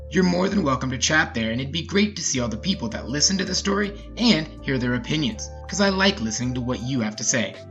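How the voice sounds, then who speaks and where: On a muffled recording, a man with a medium-pitched, slightly bright voice hosts a story podcast. He's an informal, easygoing storyteller, mixing story narration with casual, chatty commentary.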